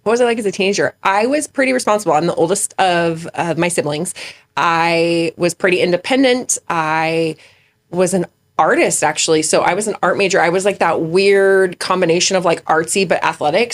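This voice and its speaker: A woman in her thirties, a guest in a studio, telling stories in casual chat and laughing often. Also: on the low side. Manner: chatty, laughing storyteller. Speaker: guest, dessert bus owner.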